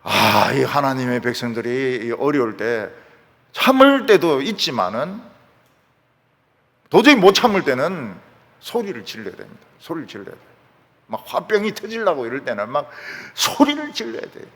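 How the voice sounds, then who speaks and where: A man pastor gives a dramatic sermon, dropping to soft asides and then rising to shouts. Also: mid-range voice, big pitch swings, moderate pace. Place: church sanctuary. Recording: reverberant church hall.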